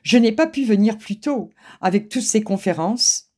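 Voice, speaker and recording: A woman's voice: a little high, animated, normal speed, darkish tone. A woman voicing a young, headstrong female cat in a storybook reading, speaking firmly and with assurance. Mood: firm, bright.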